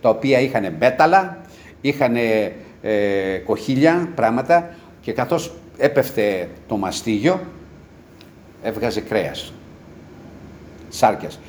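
A male preacher delivers an impassioned sermon, and his voice climbs and falls across a wide pitch range. He moves from loud, urgent cries to low, hushed murmurs. A faint hiss of noise sits under the recording. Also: sing-song, long pauses.

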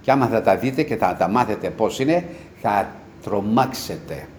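A male preacher delivers an impassioned sermon, and his voice climbs and falls across a wide pitch range. He moves from loud, urgent cries to low, hushed murmurs. A faint hiss of noise sits under the recording. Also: expressive.

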